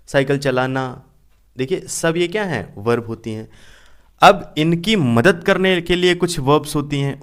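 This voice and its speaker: Young male teacher, lively classroom explainer, acts out his examples. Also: medium pitch, smooth. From India. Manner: explains by repeating and asking questions back. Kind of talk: classroom grammar lesson.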